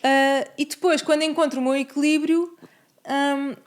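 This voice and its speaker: A woman's voice: high voice, steady tone, moderate pace. A woman with a European Portuguese accent hosting an interview, reflective and sharing her own experience. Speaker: podcast host. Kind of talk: conversational interview.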